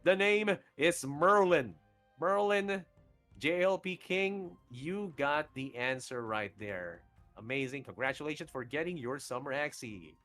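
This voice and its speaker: Upbeat esports caster, higher voice. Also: male voice, measured pace, faint music behind. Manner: energetic, laughs often, many fillers. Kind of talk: live esports casting and trivia hosting.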